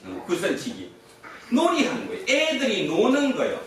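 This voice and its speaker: A man's voice: very high-pitched, wildly swooping pitch, moderate pace, slight background noise. A male pastor preaching a Sunday sermon in a conversational way, often putting questions to the congregation. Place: church sanctuary. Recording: echoey hall from far off.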